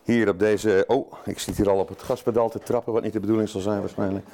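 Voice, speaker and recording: Older male guest preacher, somewhat low voice, informal and self-joking from the pulpit. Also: flat delivery, fast, a crowd in the background. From Zeeland, Netherlands. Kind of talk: sermon.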